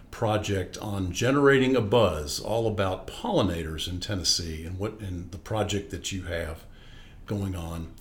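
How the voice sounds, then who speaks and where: Low-voiced male podcast host. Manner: hesitant, many ums and restarts when asking. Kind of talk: podcast intro and interview.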